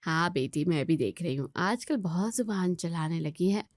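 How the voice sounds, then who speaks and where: A woman voicing a sharp-tongued, scheming mother-in-law in her older years, speaking low and scolding. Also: expressive, normal speed, no room sound, clean studio sound, lightly acted.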